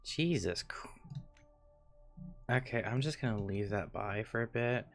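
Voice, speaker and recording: A male streamer talks half to himself in a low, mumbled way as he clicks through a game. His pitch sits at an ordinary middle height, and a faint music bed plays underneath. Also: a little slow. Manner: quiet, muttering, thinking aloud. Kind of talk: casual gameplay commentary.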